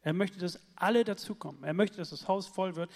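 A man preaching a sermon in a lively, conversational way, often checking in with his listeners. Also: high-pitched, brisk, big-room sound.

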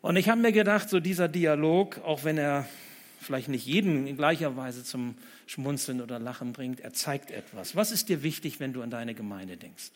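A male preacher giving a sermon, reading a humorous text aloud slowly and deliberately. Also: mid-range voice.

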